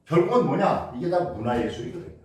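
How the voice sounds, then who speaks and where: This fast-talking man has a fairly high, sing-song voice, and there's noise in the background. Giving a public humanities talk, he answers his own rhetorical questions amid frequent fillers and restarts. He's in a lecture hall, picked up by a distant mic with heavy echo.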